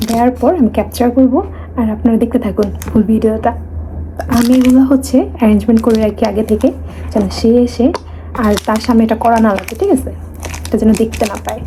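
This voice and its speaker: Home vlogger from Bangladesh, woman, mellow and a bit high, chatty with viewers. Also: slight background noise, low-quality recording. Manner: chatty, keeps asking viewers "okay?", hushed when sneaking. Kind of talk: casual vlog to camera. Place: home in Singapore.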